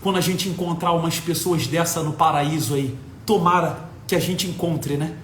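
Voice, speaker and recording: A man's voice: steady tone, normal speed. A Brazilian man giving an impassioned talk from home, blunt and emphatic, swearing for emphasis. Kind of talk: impassioned lecture to an audience. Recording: echoey room with faint rumble.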